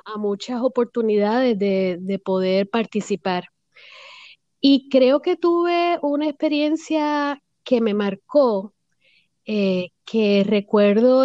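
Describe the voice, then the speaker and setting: A woman, speaking thoughtfully as an interview guest with many pauses and fillers. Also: fairly high pitch, mellow, no room sound, lo-fi sound. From Puerto Rico. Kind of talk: reflective storytelling.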